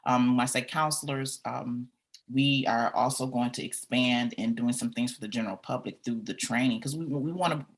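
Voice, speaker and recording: A counselor from Michigan speaks as a podcast guest in a casual interview, sounding earnest and encouraging as she lists things off. Her voice is a rumbling low, at a moderate pace.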